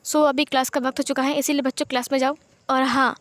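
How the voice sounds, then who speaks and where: A woman's voice: high-pitched, flat delivery, fast talker, fairly bright tone, no echo. A woman voicing a stern school principal giving firm instructions to parents and children.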